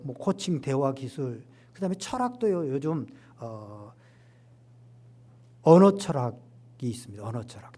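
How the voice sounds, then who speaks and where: Korean pastor preaching, lively and emphatic. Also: male voice, a little high. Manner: animated, acts out quoted lines with rising emphasis. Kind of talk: sermon.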